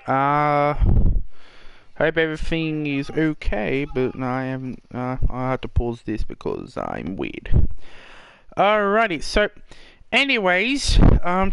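Guy rambling thru a game stream, kinda high voice, real slow. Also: fairly bright tone, clear, resonant tone, dry recording. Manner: rambling, drawn-out delivery. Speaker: gaming streamer. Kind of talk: casual gameplay commentary.

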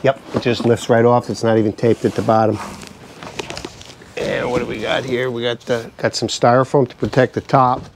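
A man's voice: medium pitch, normal speed, gravelly, noisy background. Chatty man unboxing on a patio. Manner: relaxed, chatty, thinking aloud with fillers. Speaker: product reviewer. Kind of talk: casual unboxing review. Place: screened outdoor patio.

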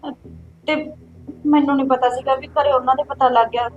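A woman's voice: sits high, steady tone, a little fast, muffled recording, soft background music, lightly acted. An actress playing a frightened young woman who pleads with her sister-in-law, with a Punjabi accent. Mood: pleading. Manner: pleading, defensive. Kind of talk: village web-series drama.

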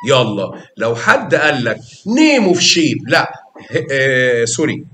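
Animated Egyptian math teacher, man. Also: mid-range voice, slow pace, reverberant. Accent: Egyptian Arabic. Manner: animated, coaxing students with questions and repetition. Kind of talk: lively classroom explanation.

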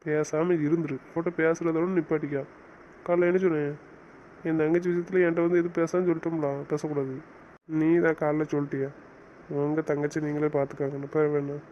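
A man's voice: a little high, little pitch movement, brisk, close to an everyday voice. Cast a man as a bossy, teasing young husband for an audio romance series, muffled home recording with faint hiss. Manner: teasing, scolding banter.

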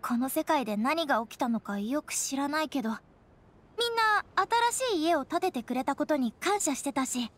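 A woman with a high, lively voice plays an earnest, eager teenage girl ranger in a Japanese video game, speaking plainly with slight hesitation at a moderate pace. Soft music plays behind her.

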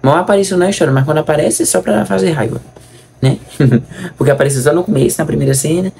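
A man's voice: fairly high pitch, fast talker, vocal fry, mellow, a little hiss or hum. A young man with a Brazilian accent giving casual, exasperated, teasing reaction commentary in colloquial speech. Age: young adult. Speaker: vlog host recapping a soap opera. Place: small room indoors.

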